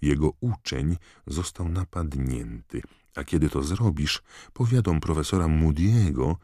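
A man reading aloud, voicing a stern old male wizard headmaster who gives firm, measured commands. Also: rumbling low, lively intonation, mellow, no room sound, studio quality, full character voice.

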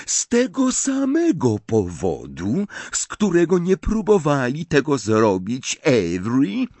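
A man voicing a cold, sardonic middle-aged wizard who speaks calmly and with boredom. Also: a little high, no room sound, pitched above the performer's own voice, full character voice. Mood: cold measured. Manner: calm, bored, measured.

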